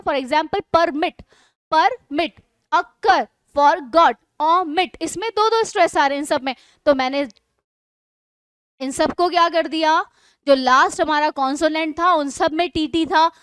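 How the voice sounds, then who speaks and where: A woman teacher explaining English spelling rules in an online class, asking questions and answering them herself, and reading the rules out slowly. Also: very high-pitched, fairly bright tone, no echo. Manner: explains in Hindi mixed with English, asks and answers own questions.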